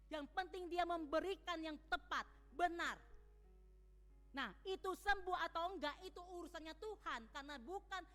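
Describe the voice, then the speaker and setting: A woman pastor preaching a sermon in a church, talking in a lively way and asking the congregation questions. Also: very high voice. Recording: long church hall reverb.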